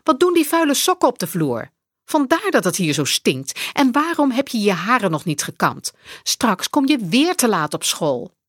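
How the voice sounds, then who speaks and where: A woman's voice: on the high side, sing-song, moderate pace, dry recording, pitched above the performer's own voice. A fussy, stern storybook mum, voiced by a woman reading aloud, scolding in a raised, exasperated voice that swoops up and down a lot. The sound is close and dry. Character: stern, fussy mother scolding her daughter.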